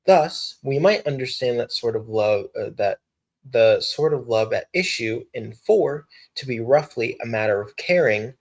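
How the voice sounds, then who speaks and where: A man's voice: mid-range voice, breathy edge. A young man on a casual live stream, reading a philosophy text aloud, stumbling over words, restarting lines and breaking off for slangy asides.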